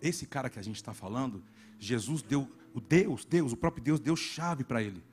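A Brazilian man preaching a sermon as a pastor, dropping to low murmurs and then rising to shouted calls. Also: normal speed, faint music behind. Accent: Brazilian Portuguese.

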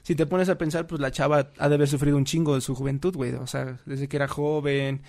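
A man's voice: medium pitch, quick pace. A young man with a Mexican accent telling a story in casual, slang-filled chat. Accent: Mexican Spanish. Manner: slangy, laughing, animated storyteller.

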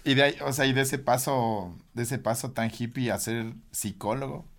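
A man's voice: mid-range voice, normal speed, fairly bright tone, a little hiss or hum. A man hosting a casual chat, asking teasing, joking questions. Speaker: interviewer.

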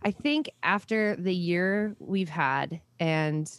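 A woman's voice: on the low side, slow pace, dry recording. A woman co-hosting a casual podcast, talking in a playful, rambling way that often restarts mid-sentence. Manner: playful, rambling, self-correcting. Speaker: podcast co-host. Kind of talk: casual chat.

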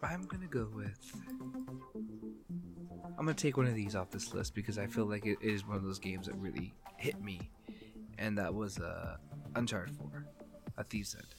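A young man with a low, gravelly voice chats casually as a podcast co-host. He rambles, restarts and repeats himself while he thinks. Music plays clearly behind him. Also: expressive, moderate pace, pauses often. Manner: rambling, self-correcting, often repeats words. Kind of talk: casual chat.

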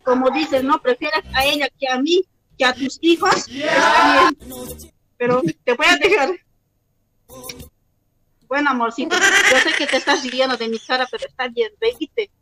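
A woman's voice: high-pitched, expressive, moderate pace, heavy background noise. A woman playing a wronged wife in a comedy radio sketch, reproachful and repeating herself. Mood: hurt, resigned. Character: wronged wife, hurt and pleading.

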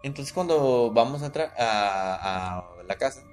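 A man with a Mexican accent tells an eerie story in a relaxed podcast chat. His voice sits at an ordinary pitch, and he keeps checking in with his listener. Faint music plays behind him. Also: unhurried. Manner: tells a spooky tale, checking in with "¿no?" and "¿verdad?".

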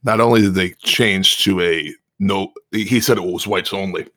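A man's voice: low voice, normal speed, a bit bright. A man co-hosting a casual chat, adding precise, matter-of-fact corrections and literary references. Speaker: podcast co-host. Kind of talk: casual chat discussing a TV episode.

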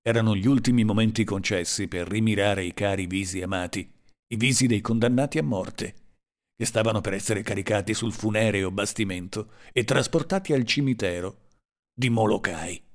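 Male narrator, lowish voice, scripted literary reading, slow, dramatic. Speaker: audiobook narrator.

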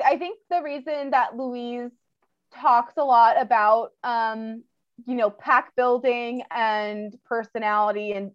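A woman who trains dogs is an interview guest, talking casually and chattily with lots of fillers and laughter. Her voice is mid-range with no echo, though the audio is slightly dull.

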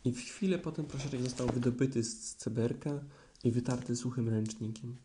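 A man narrating a children's storybook in a gentle storytelling manner. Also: medium pitch, a little fast, a little hiss or hum. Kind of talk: children's audiobook reading.

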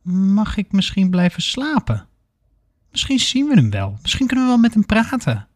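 An eager young woman who pleads and asks questions in a raised, excited voice, as a man puts her on. The sound is dry and close. She is a storybook character. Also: high voice, moderate pace, no room sound, voice pushed up.

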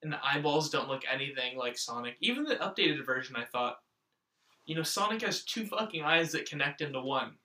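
A man's voice: on the high side, lively intonation, a little fast, bright, forceful tone, echoey room, distant mic, rough recording. A man hosting a casual comedic podcast chat, crude and swearing freely. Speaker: podcast host.

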